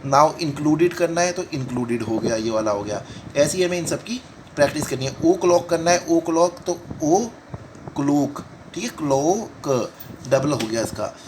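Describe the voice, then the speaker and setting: Brief: male shorthand tutor, a bit higher voice, patient and repetitive, faint hiss behind. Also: animated. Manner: explains while writing, repeating each word slowly. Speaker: shorthand teacher. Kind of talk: step-by-step lesson talk in Hindi-English mix.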